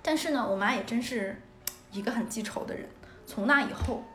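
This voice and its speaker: A woman from northeast China hosts a chatty podcast, rattling off a childhood story at a quick clip. Her voice sits a touch high, and she laughs easily as she goes. The recording has a noticeable roomy echo. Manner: animated, laughs often while telling stories. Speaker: podcast host. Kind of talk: casual storytelling chat.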